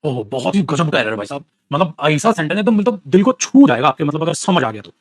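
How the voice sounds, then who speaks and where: A lively man teaching a grammar class. His voice sits high and swoops about as he jokes with the students. The close, dry recording has no room sound. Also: quick pace, no echo. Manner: animated, teasing, calls students beta. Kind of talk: classroom grammar lesson in Hindi.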